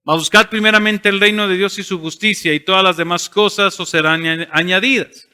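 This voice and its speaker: A man's voice: high-pitched, fairly even intonation, a little fast, bright, forceful tone, smooth, in a large hall. A man preaching a sermon as pastor, asking rhetorical questions and answering them himself. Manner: asks rhetorical questions and voices imagined listeners. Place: church sanctuary.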